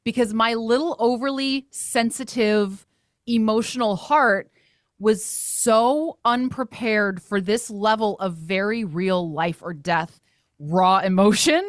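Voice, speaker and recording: A woman in her thirties, a filmmaker guest in casual chat, talking in animated, laughing bursts. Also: medium pitch, slow, dry recording, clean studio sound.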